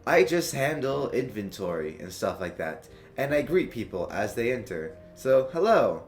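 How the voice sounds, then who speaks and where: A man's voice: mid-range voice, sing-song, moderate pace, faint music behind. A man voicing a polite clockwork robot receptionist, greeting visitors in a chipper, formal customer-service manner during a tabletop game. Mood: cheerful formal. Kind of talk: tabletop role-play character voice.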